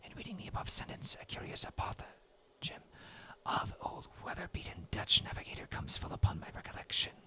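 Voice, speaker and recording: A man's voice: a little fast, pushed and bright. A man in his twenties from New England, reading a classic sea tale aloud in a whispered role-play ASMR style. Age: 20s. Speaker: storyteller.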